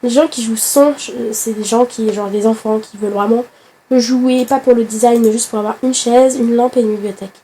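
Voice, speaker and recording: Hoarse lady with a flu walking you through a game, mellow low tone, chatty, bit higher voice. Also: steady tone, moderate pace. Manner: chatty, talks straight to the viewer, hesitant fillers. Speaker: gaming tutorial host. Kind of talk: casual game tutorial.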